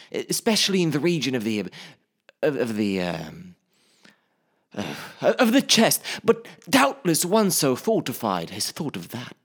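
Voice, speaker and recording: Man reading a fawning little hobbit, stammering flattery, pitch bouncing up and down. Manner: fawning, stammers when cornered. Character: small, flattering, nervous male hobbit. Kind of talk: audiobook character reading.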